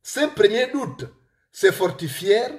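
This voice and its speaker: Reading from his own book at a measured pace, this Gabonese-accented author tells his listeners a story in a lively, high-pitched voice.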